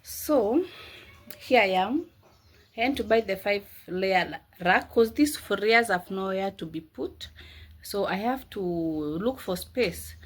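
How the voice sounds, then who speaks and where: A woman's voice: medium pitch, expressive, takes it slowly. A woman chats loosely to her viewers, rambling from one thing to the next. Her tone is easygoing and conversational, like a casual unboxing vlog. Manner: chatty, rambling, keeps addressing viewers as "guys". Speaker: vlogger.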